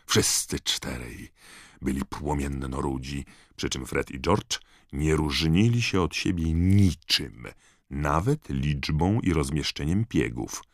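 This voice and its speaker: A man narrating an audiobook in a measured, expressive storytelling manner. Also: rumbling low, no echo, studio quality. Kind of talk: scripted narration.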